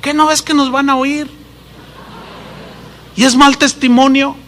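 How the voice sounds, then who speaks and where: A furious deacon husband hisses orders in a Mexican Spanish accent, as a preacher acts him out. The voice is pushed high and sharp, with a bright, tense edge and a hissing tone. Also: male voice, level tone, a little slow, heavily acted. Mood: angry. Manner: angry, hissing commands. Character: abusive churchgoing husband, a deacon, hot-tempered.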